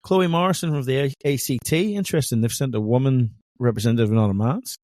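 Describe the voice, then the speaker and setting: A man's voice: mid-range voice, fast talker, darkish tone, no echo, clean studio sound. A man co-hosting a casual sports podcast, chatty and joking, calling his co-host "mate".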